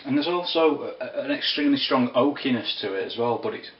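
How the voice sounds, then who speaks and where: A man giving a casual spoken whisky review, unhurried and descriptive with wry asides. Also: mid-range voice, a little hiss or hum. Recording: roomy, distant, dull lo-fi sound.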